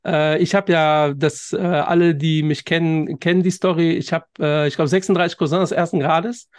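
A man's voice: on the high side, fairly even intonation, moderate pace, smooth, no room sound. A man with a Cologne accent hosting a podcast interview, speaking hesitantly with many fillers. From Germany. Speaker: podcast host.

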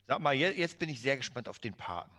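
A man's voice: mid-range voice, expressive, fast, bright, forceful tone. Male podcast co-host, eager casual film talk, stumbling restarts. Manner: enthusiastic, laughs often, restarts sentences. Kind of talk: casual chat.

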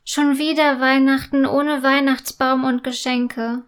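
A woman's voice: sits high, flat delivery, slow. A woman reading a shy little girl. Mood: wistful. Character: shy, modest little girl from a poor family. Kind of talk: children's storybook reading.

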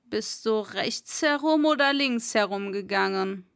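A woman voicing a harsh, domineering male castle lord in a read-aloud story, speaking slowly. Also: medium pitch, creaky, a bit bright, clean tone. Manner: domineering, scolding.

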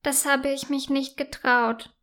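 Brief: teasing little schoolgirl in a children's story, raised childlike pitch, slow, a woman reading. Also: fairly even intonation, fairly bright tone. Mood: timid. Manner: mocking, later timid and tearful. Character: mean-then-sorry schoolgirl, third grade.

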